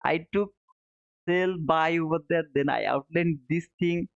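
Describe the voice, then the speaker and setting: This live trading stream host, a Bangladeshi man in his 30s, has a fairly high, smooth voice with vocal fry, a steady tone and a measured pace. He chats casually with viewers as if they're friends, answering comments and repeating short phrases. The audio is narrow and phone-like, with a roomy echo.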